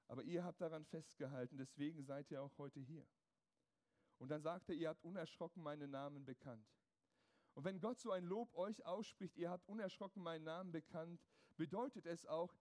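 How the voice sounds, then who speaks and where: A man with a notably high voice preaching a sermon. He speaks emphatically to the congregation and builds his points through runs of rhetorical questions. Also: darkish tone.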